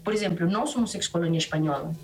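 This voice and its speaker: Peruvian woman chef, Spanish-accented, talkative and lively, lowish voice, a little distant from the mic. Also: fast talker, music in the background. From Peru. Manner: lively, talkative, restarts often. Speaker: chef, interview guest. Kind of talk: casual interview chat.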